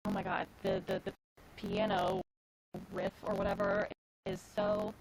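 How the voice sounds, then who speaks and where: Woman rambling on a livestream, voice gone all robotic and metallic from lag, gravelly fry. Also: extremely low pitch, flat delivery, a little slow, background noise. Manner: rambling, chatty, lots of fillers. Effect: glitchy robotic metallic distortion from a lagging stream. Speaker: livestream host. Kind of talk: casual chat answering viewers.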